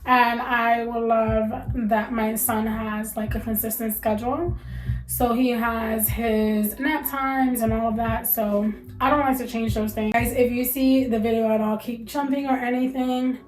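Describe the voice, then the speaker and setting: Speaking unhurriedly in a steady, slightly high voice, this US vlogger and mother chats candidly to camera while congested from allergies. Her casual talk is full of fillers, and the rough recording sounds roomy.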